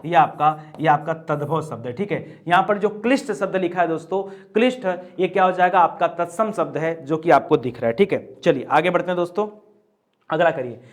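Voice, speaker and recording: A man's voice: a little high, fairly quick. A male Hindi grammar teacher working through an exam quiz, repeating each answer and checking in with the class again and again. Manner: drills answers with repeated "ठीक है?" and "दोस्तों". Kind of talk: exam prep lesson.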